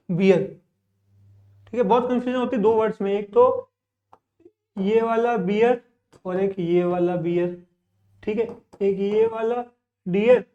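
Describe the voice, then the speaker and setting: A man's voice: extremely high pitch, darkish tone. A male teacher giving a classroom vocabulary lesson. He asks his own questions, answers them in a repetitive drill and explains patiently with frequent check-ins. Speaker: English teacher.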